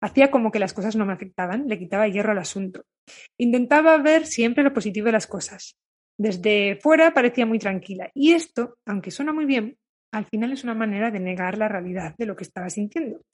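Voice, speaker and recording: A woman with a Spanish accent from Spain, a therapist calmly telling viewers her own story in a candid, confiding monologue. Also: mid-range voice, a little fast. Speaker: therapist who treats eating issues. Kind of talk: personal reflective monologue to viewers.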